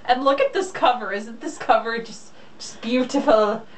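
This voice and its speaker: A woman co-host reads a romance novel aloud and chats casually, blunt, sarcastic and mocking, swearing freely. Her voice is on the high side at a moderate pace. The mic is distant, with faint background noise.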